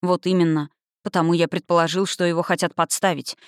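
A woman's voice: lowish voice, level tone, brisk, no room sound, clean studio sound, close to an everyday voice. A woman voicing a self-assured male investigator with a teasing manner in an audiobook. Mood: brisk.

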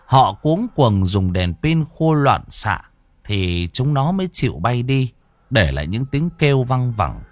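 A man's voice: mid-range voice, sing-song, unhurried, no room sound. A man narrating a ghost story with a dramatic delivery.

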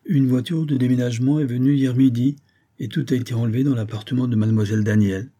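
Cheeky young apprentice printer, gossipy and quick to scoff, voiced by a man in a higher, husky tone. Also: fairly even intonation, dark tone, lightly acted. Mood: eager.

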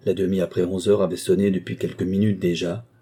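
A man reading a novel aloud as an audiobook narrator, in a measured, steady way. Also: low voice, breathy edge. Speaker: audiobook reader. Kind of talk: scripted narration.

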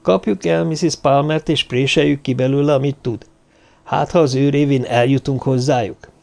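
A man's voice: medium pitch, fairly even intonation, vocal fry, darkish tone, pitched above the performer's own voice, close to an everyday voice. A man voicing an eager man in an audiobook, asking questions in a raised voice.

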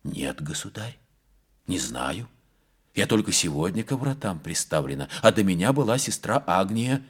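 A man voicing a frightened young nun who keeps a monastery gate, speaking high and unsteadily in an audiobook. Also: very animated, normal speed, slightly rough, full character voice. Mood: wary.

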